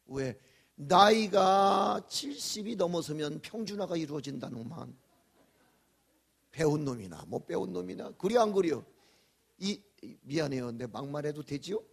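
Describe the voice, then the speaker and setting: An older man preaching a revival sermon as pastor, folksy and joking, swinging from loud to whispered. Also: on the high side, lively intonation, unhurried, gravelly.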